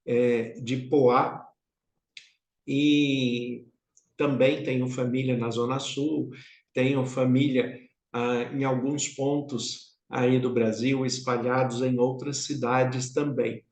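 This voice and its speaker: A pastor from São Paulo with a São Paulo accent, giving an unhurried, reflective devotional sermon and speaking directly to the listener. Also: male voice, mid-range voice, level tone, a little mellow. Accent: São Paulo Portuguese. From São Paulo, Brazil. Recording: roomy echo.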